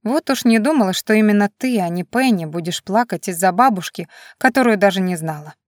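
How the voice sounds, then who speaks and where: Soft-spoken loving mother, read by the woman narrator, tender half-whisper, dry sound. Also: medium pitch, expressive, a little fast, no room sound, natural voice. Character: gentle loving mother comforting her little daughter.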